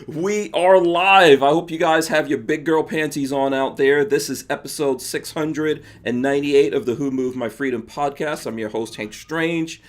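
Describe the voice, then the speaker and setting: Speaking at a normal speed with few pauses, this fairly high-voiced New York podcast host keeps his livestream casual. He jokes around loosely and laughs a lot.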